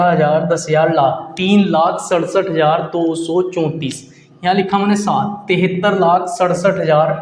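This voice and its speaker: A man's voice: sits high, a little mellow, reverberant, in a large hall. A man teaching a maths lesson. He asks questions and answers them himself, and he repeats key terms as he counts out numbers. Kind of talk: classroom lesson at a board.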